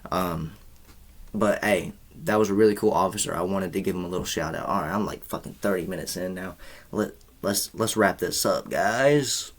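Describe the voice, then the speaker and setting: A man's voice: deep voice, moderate pace. A young man in his twenties telling a rambling, profane storytime, heavy on slang and filler. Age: 20s. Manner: rambling, profane, slangy, says bro a lot. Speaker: vlogger. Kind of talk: casual storytime chat.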